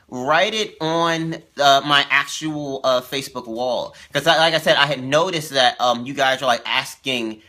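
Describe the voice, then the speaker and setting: A man's voice: medium pitch, pushed and bright. A young man hosting a casual live stream for his gaming channel, rambling with lots of fillers and repeating himself. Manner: eating while talking.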